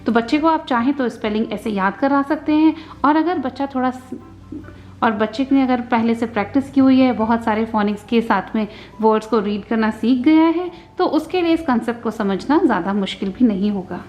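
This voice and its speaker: A woman with an Indian accent teaching phonics, sounding out letters slowly and patiently. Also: a little high, darkish tone, soft background music. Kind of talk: slow patient phonics lesson.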